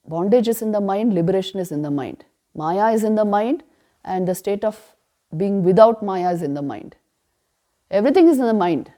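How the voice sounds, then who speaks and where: A woman giving a spiritual retreat class on scripture, emphatic, asking rhetorical questions and answering them, and chanting verses slowly. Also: medium pitch, warm tone. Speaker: spiritual teacher.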